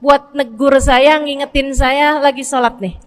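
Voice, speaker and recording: A woman's voice: high voice, fairly even intonation, a little slow, big-room sound. A woman voicing a devout older male caliph who earnestly gives instructions, in a sermon story.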